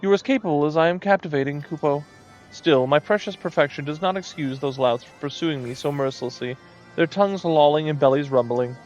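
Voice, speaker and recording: Man as a haughty, preening little moogle, high-pitched. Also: a little fast, darkish tone, highs cut off, faint music behind, close to an everyday voice. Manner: haughty, affected. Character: preening, self-adoring moogle, daintily haughty.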